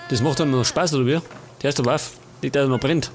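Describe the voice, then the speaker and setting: A man's voice: medium pitch, fast, a little hiss or hum. A man with a Bavarian accent casually commenting on a life-sim game as a let's play host, chatting and grumbling at the characters.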